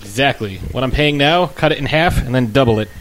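A man's voice: mid-range voice, lively intonation, fairly quick, fairly bright tone, a little hiss or hum, poor audio. A man hosting a podcast with rambling, dry joking introductions and casual comic banter. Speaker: podcast host.

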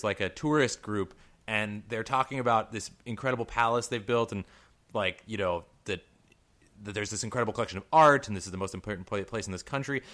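Rambling young man chatting casually. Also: lowish voice. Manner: rambling, restarts, rises into excited exclamations. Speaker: podcast co-host. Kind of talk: casual chat.

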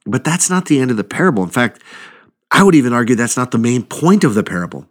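A man preaching a sermon, retelling a parable in a lively, conversational way and acting out the characters' lines. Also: medium pitch, quick pace. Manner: animated storytelling, acts out quotes, conversational asides.

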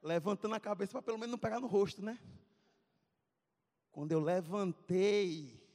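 Speaking at normal speed in a high voice, a man delivers a comic story to a youth service from a church sanctuary. He's animated, acting out scenes and calling to the audience, and the recording carries a church hall's long reverb.

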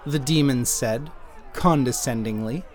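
Guy telling a dark fairy tale, measured and dry, mid-pitched voice. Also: a faint crowd. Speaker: writer and narrator. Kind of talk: scripted storytelling narration.

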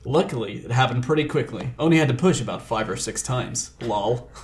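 A man's voice: mid-range voice, expressive, brisk, background noise. Laughing man reading a story aloud. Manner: laughing, playful, slips into mock impressions. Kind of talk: comedic storytelling chat.

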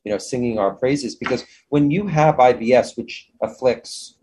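A man with a husky, mid-pitched voice talks as a guest in a conversational interview. He sounds like an enthusiastic business owner, effusive and keen as he explains his work. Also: moderate pace, mellow, rough recording.

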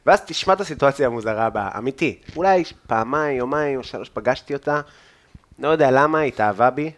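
A man's voice: mid-range voice, expressive. A man with an Israeli accent, a podcast host, chatting and telling anecdotes in an informal, slangy way. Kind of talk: casual chat, anecdotal storytelling.

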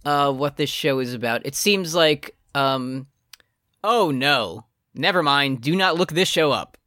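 Recapping an anime on a podcast he co-hosts, a man speaks unhurriedly in a mid-range voice. The chat is casual and jokey, and he's lively, exclaiming loudly when something excites him. It's studio quality with no room sound.

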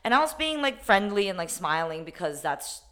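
A woman co-hosting a podcast, telling a story in a lively, casual way, swearing often and acting out what people said. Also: on the low side, moderate pace. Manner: animated, swears a lot, acts out quoted lines. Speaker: podcast co-host.

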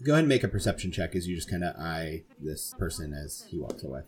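A man's voice: deep voice, animated, fast talker. A man narrating as game master for a tabletop game in a casual, chatty way. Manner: casual, laughing, filler-heavy narration.

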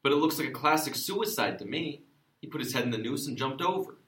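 An actor playing an exasperated, self-important sheriff who narrates a comic noir detective story. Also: male voice, medium pitch, animated, fast talker, fairly bright tone, natural voice. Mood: matter-of-fact. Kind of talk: comic hard-boiled noir narration and dialogue. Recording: roomy echo.

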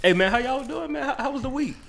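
A man's voice: very high voice, expressive, fast, gravelly, fairly bright tone, slight background noise. A man hosting a podcast, chatting casually with friends and laughing often. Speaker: podcast host. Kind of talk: casual banter.

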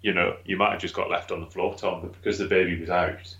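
A man co-hosting a casual podcast, supportive and quick with short agreements. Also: sits low, flat delivery, a bit bright. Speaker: podcast co-host, expectant father. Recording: roomy, dull lo-fi sound.

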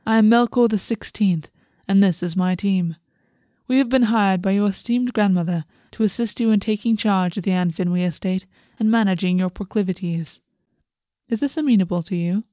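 A woman plays an aristocratic fae man from a fantasy audiobook. The voice is soft-edged and mellow, calm and courtly, with measured formal phrasing and a quietly sinister politeness, recorded close and dry. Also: mid-range voice, no echo, lightly acted. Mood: courteous, composed.

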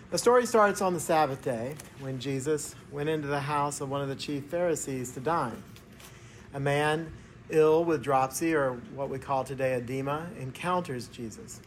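A man preaching a homily in a church, speaking in a measured, formal way as if from a prepared text. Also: medium pitch, a little hiss or hum, low-quality recording. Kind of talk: sermon, homily. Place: inside a church.

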